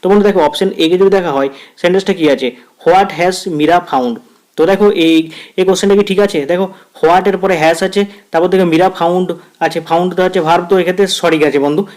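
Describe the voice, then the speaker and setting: Man with a Bengali accent and a slightly high voice, teaching exam grammar, friendly, repetitive, slow careful reading of English sentences. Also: fairly even intonation, darkish tone. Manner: addresses viewers as friend, repeats phrases; reads English quiz sentences slowly, word by word. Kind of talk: exam-prep grammar lesson.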